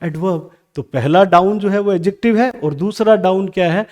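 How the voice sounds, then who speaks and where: A man teaching English grammar in Hindi, asking questions and answering them himself, reading example sentences slowly with an Indian English accent. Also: high-pitched, a little mellow. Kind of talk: classroom grammar lesson.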